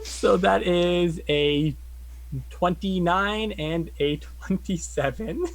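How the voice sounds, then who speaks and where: A man's voice: sits high, slow pace, vocal fry. A man chatting casually as a player in a tabletop game, often counting up his dice aloud.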